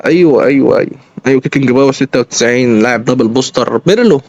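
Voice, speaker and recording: A young Egyptian man giving excited commentary over his own football video game play, cheering, groaning and arguing with the game. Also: mid-range voice, very fast, no echo, lo-fi sound. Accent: Egyptian Arabic. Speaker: gaming YouTuber. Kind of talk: live gameplay commentary.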